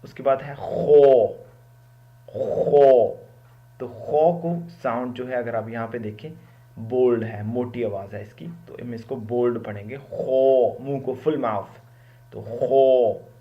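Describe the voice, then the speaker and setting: Guy from pakistan teaching quran letter sounds, repeats each one, mixes english words in, kinda dull lo-fi audio. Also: mid-range voice. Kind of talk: spoken lesson on Arabic letter pronunciation.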